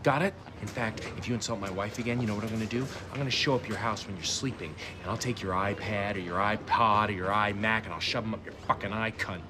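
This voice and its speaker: A man's voice: fairly low pitch, quick pace, hardly any pauses, lightly acted. A man acting in a film comedy as a defensive, blustering American father in his forties. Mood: angry. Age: 40s. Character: exasperated, defensive middle-aged father. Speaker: actor. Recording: noisy location sound.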